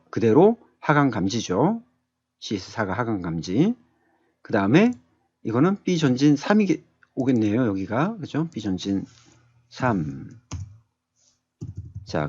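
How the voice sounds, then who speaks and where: In a dull, lo-fi, close-miked voice-over captured indoors alongside his screen, a male instructor explains things step by step. His mid-range voice is a little mellow and slightly rough, and he muses out loud in a chatty manner, regularly checking in with quick tag questions.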